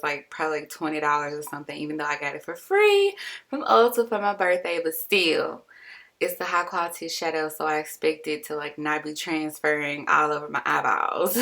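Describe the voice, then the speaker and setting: Low, creaky-voiced woman. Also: fairly bright tone. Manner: chatty, full of "like" and "um" fillers; self-deprecating about sloppiness. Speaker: makeup tutorial host. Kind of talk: casual voice-over tutorial.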